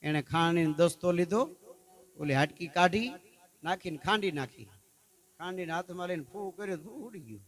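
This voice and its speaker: At a festival gathering, a male folk storyteller tells tales with sung verses, often checking in with his audience with a "hey?" His voice sits high and animated, moving at a normal pace.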